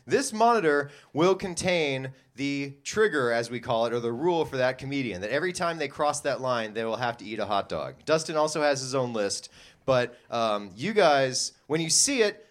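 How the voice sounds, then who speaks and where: A man's voice: medium pitch, lively intonation, moderate pace. A man co-hosting a live comedy show, rambling and self-mocking as he explains things to the audience.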